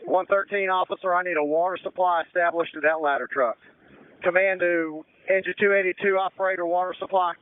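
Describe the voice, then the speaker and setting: Male incident commander, high clean voice, brisk directive radio orders, narrow-band transmission. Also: fairly even intonation, slight background noise. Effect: two-way radio. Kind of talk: emergency radio dispatch commands.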